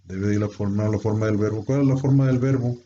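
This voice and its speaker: Low, dark-voiced male teacher. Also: steady tone, fast talker. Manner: explains step by step with rhetorical questions. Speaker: English teacher. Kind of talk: classroom grammar lesson. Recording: dull lo-fi sound.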